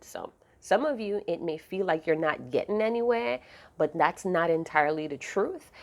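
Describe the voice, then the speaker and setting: A woman giving a spiritual reading to her viewers. She sounds sleepy and speaks softly and unhurriedly, often pausing to correct herself. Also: deep voice. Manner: soft, unhurried, self-correcting. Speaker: astrology and tarot reader.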